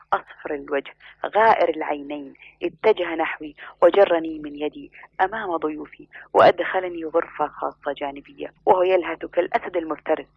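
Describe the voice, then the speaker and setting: A man's voice: fairly high pitch, vocal fry, husky. A man reading a first-person story aloud in an earnest, flowing way. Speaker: narrator. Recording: muffled lo-fi recording.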